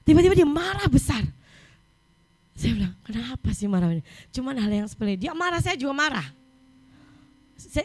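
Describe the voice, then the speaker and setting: A middle-aged woman preacher delivering a sermon, telling personal stories in a lively way. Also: fairly high pitch. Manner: lively storytelling, mixing in English scripture reading.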